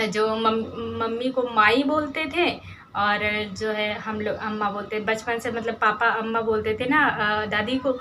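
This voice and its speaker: A young woman chats her way through childhood village memories, rambling and restarting often. Her voice sits a little high and sounds bright, with a faint hiss of noise under it. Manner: rambling, chatty, many fillers and restarts. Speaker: vlogger. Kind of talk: casual storytelling about her village childhood.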